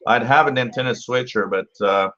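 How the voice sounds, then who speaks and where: A man hosting a casual live stream as a radio hobbyist, explaining things haltingly and answering viewers. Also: medium pitch, pushed and bright. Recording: slightly dull, lo-fi stream audio.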